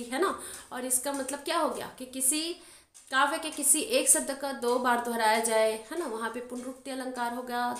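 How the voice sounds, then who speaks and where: A high-pitched woman gives a grammar lesson for exam preparation. She explains patiently, keeps checking that the listener follows, and slows right down to recite verse examples. Her voice rings with the echo of a roomy space. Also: a bit bright. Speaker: Hindi grammar teacher.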